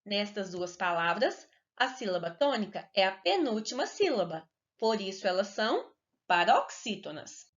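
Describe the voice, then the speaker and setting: Woman teaching children, lively and sing-song. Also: medium pitch. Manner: slow, clear and sing-song, stretching words to stress syllables. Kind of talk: recorded lesson for children. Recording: dull lo-fi recording.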